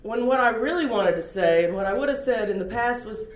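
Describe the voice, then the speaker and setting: A woman's voice: fairly high pitch, expressive, brisk. A middle-aged woman from Oklahoma giving a candid, self-deprecating personal testimony as a recovery meeting speaker. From Oklahoma, USA. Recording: roomy echoey room.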